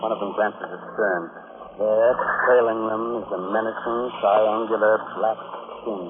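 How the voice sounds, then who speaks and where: An actor playing a sly, teasing male host of a 1940s radio mystery show, with a smooth, lingering delivery. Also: fairly low pitch, steady tone, unhurried, noisy background, natural voice. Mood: ominous. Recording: tinny old radio broadcast with music.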